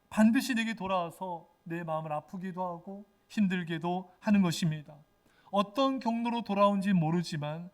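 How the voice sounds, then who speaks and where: A middle-aged man preaching a Sunday sermon in a fairly high voice. He speaks with strong emphasis and now and then breaks into the voices of the people he quotes. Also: darkish tone. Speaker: pastor.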